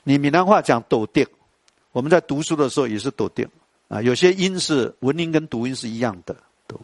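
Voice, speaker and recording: A male teacher with a Taiwanese Mandarin accent leads a classical poetry lesson in a lively classroom manner. He quizzes his students and chants verses slowly and deliberately. The recording is dry, with little room sound. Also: mid-range voice, no echo.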